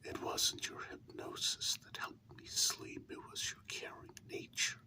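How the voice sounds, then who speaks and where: A performer whispers as a vampire's human lover in an ASMR role-play, tender and candid, halting and intimate, offering reassurance. It's lightly acted, with a tender, reminiscing mood.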